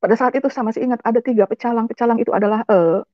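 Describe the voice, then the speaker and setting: A woman's voice: fairly high pitch, rapid-fire, no room sound, lo-fi sound. A woman giving an emotional personal testimony, often turning to address her audience directly. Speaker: testimony speaker.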